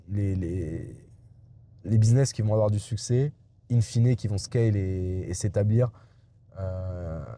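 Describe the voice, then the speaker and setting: A man's voice: on the low side, mellow. A young adult man vlogging from inside a car, rambling and digressive, with many hesitations and restarts. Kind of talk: rambling casual monologue.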